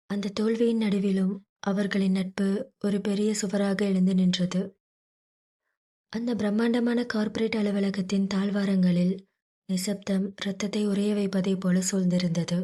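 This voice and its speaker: A woman narrating a dramatic story in a low, hushed voice.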